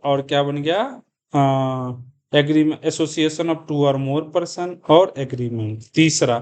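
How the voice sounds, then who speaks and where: A man lectures a class in a slightly raised voice, pacing himself slowly and deliberately. He keeps asking the students questions, then answers them himself and repeats the key terms. English terms are mixed into his speech. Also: fairly high pitch. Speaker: commerce teacher.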